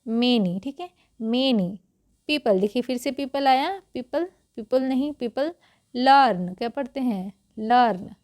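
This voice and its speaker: A woman's voice: on the high side, measured pace, a little mellow, dry recording, studio quality. Patient woman teaching English reading. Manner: patient, repeats each word and quizzes the viewer. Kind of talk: Hindi-language English reading lesson.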